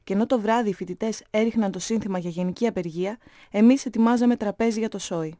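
A woman narrating a story in a steady, measured reading voice. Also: medium pitch, dry recording, studio quality.

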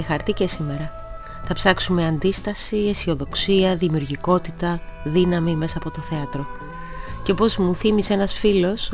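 A woman's voice: on the low side, darkish tone. A woman hosting radio over music. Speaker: radio show host. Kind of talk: radio presenting.

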